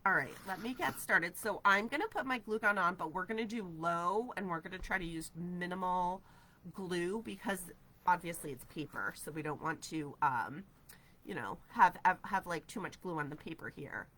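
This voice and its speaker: A woman from New Hampshire, USA, in her forties and stuffy with a head cold, keeps things upbeat on a casual craft livestream, answering viewer comments in her studio among shelves of ribbon. Her voice runs on the low side at a moderate pace, pushed and bright, heard through a camera at desk distance.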